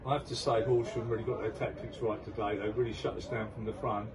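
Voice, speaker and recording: Outdoors at a football ground, an older man working as the club interviewer talks with a player after the match, chatty and promotional, leading him with his questions. He speaks fast in a lowish voice with fairly even intonation. A handheld mic and a faraway camera leave the sound distant, with crowd noise.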